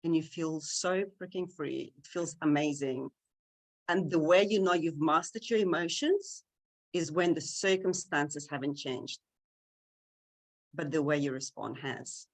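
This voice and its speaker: A woman speaking at a tech event, giving an earnest, animated motivational talk that addresses the audience directly. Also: sits low, measured pace. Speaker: conference speaker. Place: event stage.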